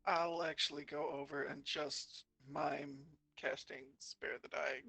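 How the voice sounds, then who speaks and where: A man playing a tabletop game over a voice call, chatty with quick asides. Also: on the high side, little pitch movement, creaky, bright, forceful tone, no echo. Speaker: player. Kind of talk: casual play over a voice call.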